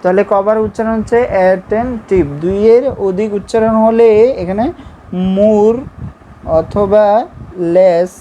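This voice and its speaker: A woman with a Bangladeshi accent teaches a grammar lesson, writing as she explains, repeating points patiently and checking that students follow. Her voice is medium-pitched, steady, dark, and a little slow, on a low-quality recording with faint background noise.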